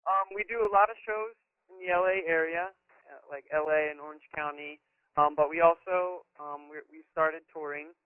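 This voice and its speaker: A man's voice: on the high side, steady tone, normal speed, clear, resonant tone, no echo. A man in his twenties from New Jersey, a band member telling how it started in an easygoing, casual way with lots of ums. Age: 20s. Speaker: band member, interview guest. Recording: tinny phone line.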